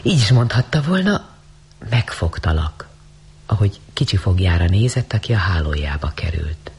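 A man narrating a story as an audiobook, reading in an expressive, dramatic way. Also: deep voice, vocal fry, breathy edge.

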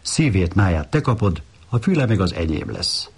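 Man voicing a sly, husky storybook fox. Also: deep voice, sing-song, heavily acted. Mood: coaxing. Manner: coaxing, knowing. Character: sly, advising male fox.

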